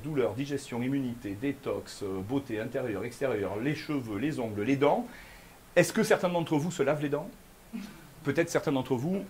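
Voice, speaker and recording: A man giving a fast, lively conference keynote, talking straight to the audience with frequent questions. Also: mid-range voice, slight background noise. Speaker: keynote speaker. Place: conference room before an audience.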